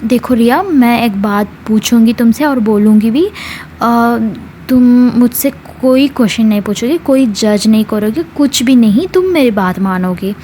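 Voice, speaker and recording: A bossy young woman who lays down terms and will not be questioned, voiced by a woman narrator. Her voice sits a little high, with faint noise behind it. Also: a little slow, warm tone, lightly acted. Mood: insistent. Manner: commanding and insistent.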